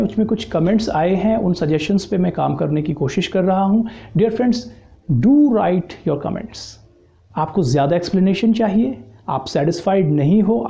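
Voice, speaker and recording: A man with an Indian accent explaining English grammar in a mix of Hindi and English, slowing down to say his English examples. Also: high-pitched, creaky, dark tone, muffled recording. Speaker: English teacher.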